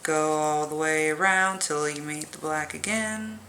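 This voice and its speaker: A woman giving a casual crochet tutorial with self-deprecating asides, with sharp sibilant S's and a faint whistle from her nose. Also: low-pitched, measured pace, slight background noise. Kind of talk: casual hands-on tutorial chat.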